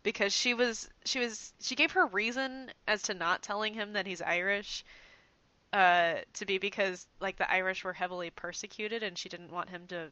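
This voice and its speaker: A woman co-hosting a casual podcast, retelling a story in a lively, chatty way. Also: medium pitch, normal speed, no room sound, low-quality recording. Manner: animated, chatty plot retelling. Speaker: podcast co-host.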